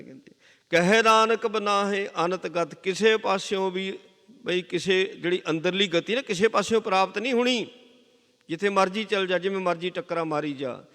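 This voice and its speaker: A man's voice: high-pitched, creaky, a bit bright. A man with a Punjabi accent giving a Sikh scripture sermon, explaining verses with repeated phrases and chanted quotations. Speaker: Sikh preacher giving katha. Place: gurdwara hall. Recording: long hall reverb.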